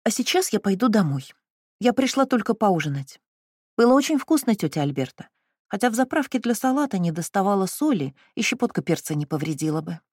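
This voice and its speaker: A woman's voice: medium pitch, sing-song, a little fast, darkish tone, no echo, voice pushed up. A reader voicing a defiant young woman who speaks boldly and cheekily to her relatives in an audiobook, recorded dry and close. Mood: cheeky. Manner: bold, cheeky, mocking. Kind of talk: audiobook reading.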